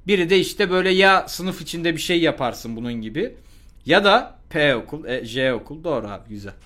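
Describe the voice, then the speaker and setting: A young man telling a school story to his live chat in a casual, profane, animated way, and acting out the people in it. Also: fairly high pitch, fairly quick. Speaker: live streamer.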